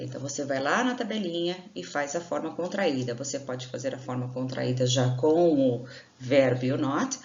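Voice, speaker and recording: Low-voiced brazilian teacher lady going slowly through slides, echoey dull recording. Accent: Brazilian Portuguese. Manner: patient, slow drilling of English example phrases. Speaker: English teacher. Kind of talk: recorded video lesson over slides. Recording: roomy, dull lo-fi sound.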